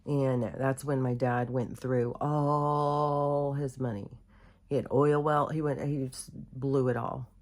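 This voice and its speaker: A middle-aged American woman hosts a casual storytelling monologue, telling a personal story in a rambling, candid way with lots of fillers and self-corrections. She has a bass voice, slightly mellow, and speaks slowly in a level tone.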